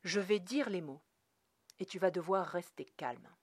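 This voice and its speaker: Woman doing a grieving mother, soft and pleading, sometimes hushed, lowish voice, dry close sound. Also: unhurried, breathy edge, no echo. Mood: tender, urgent. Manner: pleading, soothing, then urgent. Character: grieving mother coaxing her small son.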